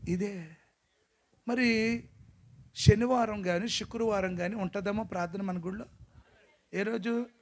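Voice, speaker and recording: A man preaching a lively, joking sermon as pastor to a congregation in a church hall, urging the crowd to shout. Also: high voice, normal speed, long pauses.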